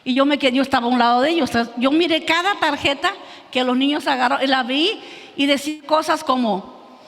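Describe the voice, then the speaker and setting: A woman giving an earnest testimony in a church, telling her story haltingly with many restarts. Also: high-pitched, a bit bright. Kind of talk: sermon testimony. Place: church hall. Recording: long hall reverb.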